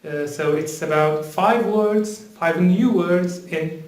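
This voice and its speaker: Slow, roomy-sounding Moroccan man teaching English. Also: high voice. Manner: repeats words slowly for pronunciation drills. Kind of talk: slow, deliberate language lesson. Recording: roomy, from a distance.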